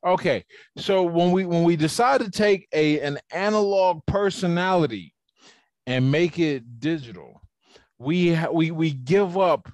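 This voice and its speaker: This podcast guest talks through his ideas in depth, casual and conversational, on a video call. His voice is fairly high and unhurried, and the recording is dry.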